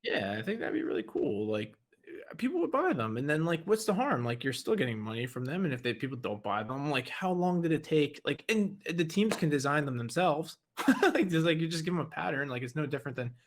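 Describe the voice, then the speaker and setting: A man's voice: fairly high pitch, sing-song, a little fast. A man co-hosting a gaming podcast in casual chat, rambling with lots of "like" and "you know". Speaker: podcast co-host.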